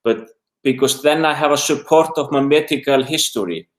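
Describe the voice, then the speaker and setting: A middle-aged man from Iceland with an Icelandic accent, an interview guest talking haltingly in English, his second language, searching for words. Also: medium pitch. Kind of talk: casual interview talk. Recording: roomy echo.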